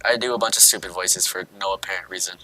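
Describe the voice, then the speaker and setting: A man's voice: deep voice, steady tone, quick pace, pushed and bright. A man streaming, reading a visual novel aloud with casual, self-mocking asides. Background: faint game music.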